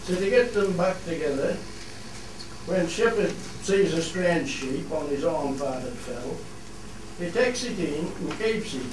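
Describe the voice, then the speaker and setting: In a scripted radio play monologue in dialect, a male actor voices a plain-spoken Cumbrian fell shepherd explaining local customs, his tone plain, unhurried, measured, and explanatory, with a high-ish pitch and lively intonation. It was recorded in a theatre studio's echoey hall with a distant mic, sounding very echoey with clear noise.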